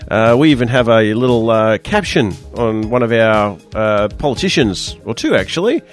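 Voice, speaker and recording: An Australian man with a croaky, hoarse voice hosting a radio show in a casual, chatty, joking way. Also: on the low side, lively intonation, moderate pace, faint music behind. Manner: chatty, loose, jokey banter. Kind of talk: casual panel-show presenting.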